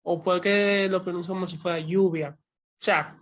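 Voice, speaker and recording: A man's voice: high voice, steady tone, normal speed. A man from the Dominican Republic with a Dominican accent, chatting casually and animatedly about pronunciation, demonstrating sounds and laughing easily. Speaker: podcast co-host. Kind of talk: casual chat about language learning.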